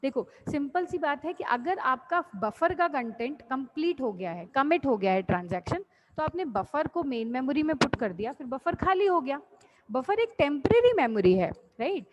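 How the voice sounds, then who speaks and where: Woman lecturer, slightly high voice, patient explainer, online class over a muffled call line. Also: very animated, moderate pace, slight background noise. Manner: patient, repeats points simply, calls students "beta". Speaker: college lecturer. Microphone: computer mic on video call. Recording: dull lo-fi online call audio.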